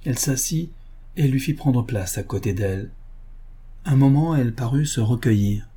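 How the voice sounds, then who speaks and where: A male narrator reads a classic novel aloud in a measured, expressive manner. His voice is mellow and dark, with a husky edge. The delivery is steady and literary. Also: mid-range voice.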